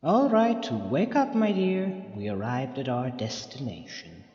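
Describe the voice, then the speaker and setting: A man's voice: mid-range voice, wildly swooping pitch, music in the background. Man playing the Master, wildly swooping scheming villain. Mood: teasing, brisk. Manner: theatrical, teasing, drawn-out phrasing. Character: mad, scheming male Time Lord villain, theatrical and sly. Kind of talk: audio drama acting. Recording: echoey room, long reverb, dull lo-fi sound.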